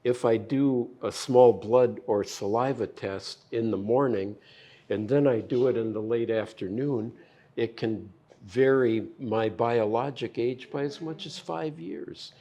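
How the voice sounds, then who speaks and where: An older male physician explains health science in an interview, laying out each point with plain analogies. He speaks in an unhurried, measured way, and his voice has a dark, mellow tone. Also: medium pitch. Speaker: physician guest.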